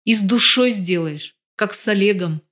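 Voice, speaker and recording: A woman's voice: mid-range voice, normal speed, fairly bright tone, lightly acted. A woman voicing a menacing middle-aged male crime boss who hisses cold threats in an audiobook.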